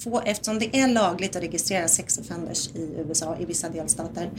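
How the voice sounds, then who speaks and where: A woman's voice: fairly low pitch, noisy background. A woman co-hosting a casual chat, giving her opinions freely with many fillers. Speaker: podcast co-host.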